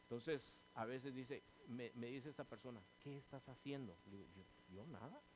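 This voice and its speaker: A man preaching a sermon as pastor, calling his listeners brothers and growing loud and animated as he tells his story, then closing in prayer. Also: mid-range voice, moderate pace, slight background noise, rough recording. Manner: addresses listeners as hermanos, grows loud and animated in stories. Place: church.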